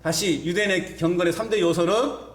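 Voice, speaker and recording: A man's voice: sits high, normal speed. A male pastor preaching a sermon to his congregation, putting rhetorical questions to the listeners. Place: church sanctuary. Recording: echoey church hall.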